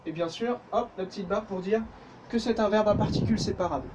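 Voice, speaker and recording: Man with a French accent, high voice, chatty teacher, noisy recording. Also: fairly quick. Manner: chatty, jokey, with frequent fillers and self-corrections. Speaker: German teacher. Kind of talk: casual language lesson.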